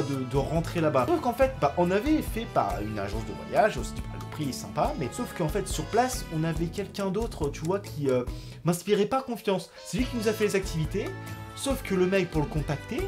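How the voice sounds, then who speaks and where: Animated young man telling a story. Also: sits high. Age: 20s. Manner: animated and slangy, with frequent swearing. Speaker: vlogger. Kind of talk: casual storytelling to camera.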